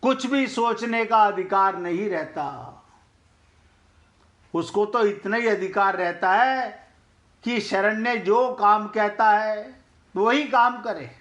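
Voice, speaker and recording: Middle-aged male spiritual teacher, high voice, slow and earnest, talks straight to listeners. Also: fairly bright tone. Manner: chants couplets slowly. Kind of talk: explaining scripture.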